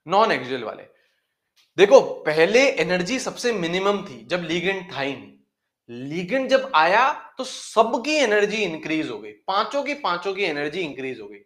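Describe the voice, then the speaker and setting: A man's voice: sits high, a bit bright. A man teaching chemistry in a classroom lecture, who repeats key phrases and asks his students questions that he then answers himself. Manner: calls students "beta" affectionately. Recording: echoey room.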